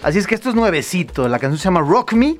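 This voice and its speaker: A Mexican man co-hosting a radio show, his voice sitting a touch high. He chats in an animated, joking way. Soft music plays faintly behind him. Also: fast. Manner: animated, jokey, reads listener messages. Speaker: radio co-host. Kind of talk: casual radio chat.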